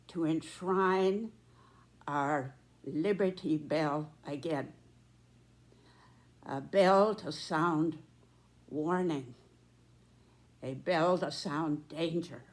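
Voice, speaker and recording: Very slow, low-voiced elderly woman. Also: a little mellow. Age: 90s. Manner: deliberate, emphatic, in short measured phrases. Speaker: political commentator. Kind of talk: prepared spoken commentary.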